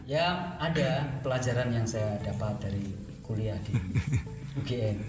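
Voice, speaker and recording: Measured Indonesian man in an echoey room. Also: fairly low pitch, a loud crowd. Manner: measured, thoughtful, with pauses. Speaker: guest, former NGO logistics manager. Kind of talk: relaxed conversational interview.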